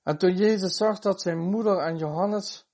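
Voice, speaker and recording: A man preaching a sermon. His voice sits a little high, and he quotes scripture chapter by chapter, stressing key phrases with earnest emphasis. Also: normal speed, darkish tone.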